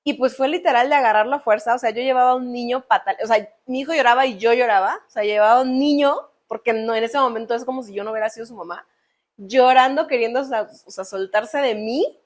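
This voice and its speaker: A woman with a Mexican accent, co-hosting a podcast, tells an emotional personal story in a lively way and acts out the voices she quotes. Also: a little high, fast talker. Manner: animated, acts out quoted voices, frequent fillers. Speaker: podcast co-host.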